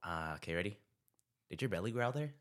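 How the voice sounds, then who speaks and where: A man's voice: lowish voice, lively intonation, fairly quick, a bit bright, a little hiss or hum. A young man hosting a casual chat, playful and goofy, laughing often between words. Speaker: podcast host.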